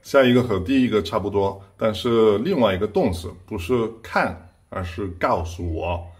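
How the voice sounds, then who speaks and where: A man giving a casual language lesson, slowly repeating each phrase before explaining what it means. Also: fairly low pitch, lively intonation. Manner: slowly repeats phrases, then translates them. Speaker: Spanish teacher. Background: song playing clearly.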